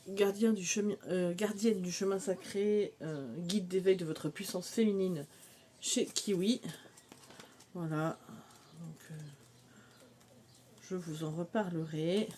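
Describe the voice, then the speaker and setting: Rambling woman vlogging with faint noise. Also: fairly low pitch. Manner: rambling, many fillers and trailing pauses. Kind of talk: casual vlog chat. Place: mobile home on a hot day.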